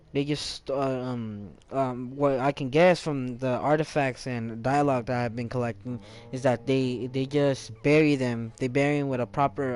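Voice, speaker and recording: A man's voice: medium pitch, a little mellow, clear, resonant tone. A young man casually retelling a video game's story, rambling, with many self-corrections and restarts. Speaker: gaming channel host. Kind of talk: casual game story recap.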